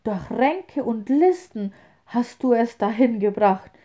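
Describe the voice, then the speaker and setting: A woman's voice: fairly high pitch, expressive, takes it slowly, dark tone, highs cut off. A woman voicing a flock of birds that call out indignantly together. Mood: angry.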